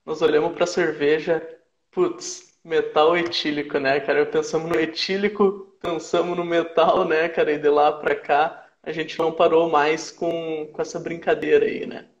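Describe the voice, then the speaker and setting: A man's voice: a little high, flat delivery, moderate pace. A man with a Rio Grande do Sul accent, chatting casually as a podcast guest and often tagging his lines with "né, cara?". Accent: Rio Grande do Sul Portuguese. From southern Brazil. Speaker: podcast guest, sports and music journalist. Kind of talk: casual chat. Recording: echoey, muffled live-stream audio.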